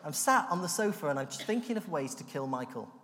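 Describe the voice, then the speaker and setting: A man from the UK giving an animated, self-deprecating personal testimony that acts out the voices in his story. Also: fairly high pitch, fast talker, a little hiss or hum. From United Kingdom. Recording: long hall reverb.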